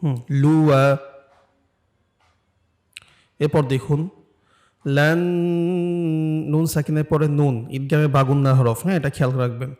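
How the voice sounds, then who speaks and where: A man's voice: medium pitch, level tone, a little slow, long pauses, darkish tone. A man from Bangladesh teaching Quran recitation, patiently correcting students and having them repeat. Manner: patient, corrective, prompting repetition. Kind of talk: classroom lesson with live student drills.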